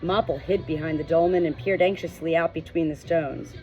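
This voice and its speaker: A woman with a low, steady voice reads an audiobook a little fast, delivering scripted story narration. The recording is muffled, with music playing behind her.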